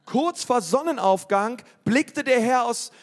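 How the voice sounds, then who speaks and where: High voiced guy interpreting a sermon, energetic, copies the preacher's drama. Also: a little slow. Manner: energetic, echoes the preacher's acted emphasis.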